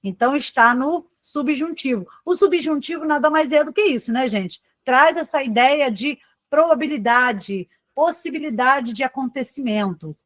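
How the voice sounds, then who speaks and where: A Brazilian woman teaching a live online exam-prep class in a fairly high voice. She talks in a chatty, informal way, calls on students by name and tags her sentences with quick checks. The sound is dry and close, with no room echo. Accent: Brazilian Portuguese. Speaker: Portuguese teacher.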